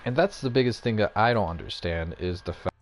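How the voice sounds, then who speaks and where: Talking a little fast with lively intonation, this young man fires off a rambling gaming rant from home through his headset mic, stumbling over fillers and restarts. His pitch is on the low side, and there's slight background noise.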